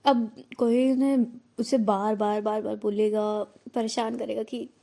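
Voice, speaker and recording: A woman's voice: on the high side, level tone, a little slow, vocal fry, dark tone. A woman voicing a young female teacher who talks frankly and reasons things through while telling a story. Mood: firm. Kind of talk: storytelling role-play.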